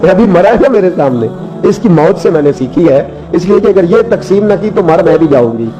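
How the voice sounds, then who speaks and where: A man's voice: high voice, expressive, fairly quick, highs cut off. A male preacher voicing a clever, cautious female fox who speaks to the king with careful deference. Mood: deferential.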